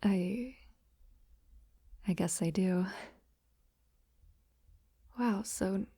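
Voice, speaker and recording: A voice actress plays a shy young woman, a best friend becoming a sweetheart, in an intimate ASMR roleplay, speaking slowly and gently in a soft, breathy, medium-pitched voice that often drops to a whisper. She sounds affectionate, flustered and bashful, a little halting and heavily acted. The sound is mellow, close and dry with no echo.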